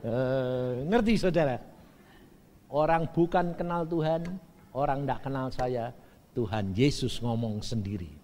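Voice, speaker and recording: An older male pastor with a Javanese accent, telling a story in a sermon and acting out the dialogue with animated energy. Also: medium pitch, unhurried. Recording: echoey church hall.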